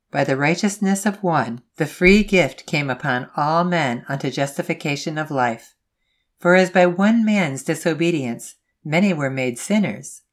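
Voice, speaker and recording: Low-voiced woman reading a solemn devotional. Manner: measured, solemn, reads scripture references aloud. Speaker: devotional reader.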